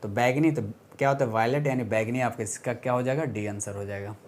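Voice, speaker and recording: A man's voice: medium pitch, fairly even intonation, fast, slight background noise. A man teaching a casual exam-prep science lesson, talking informally, repeating himself, correcting himself and checking in often with rhetorical questions.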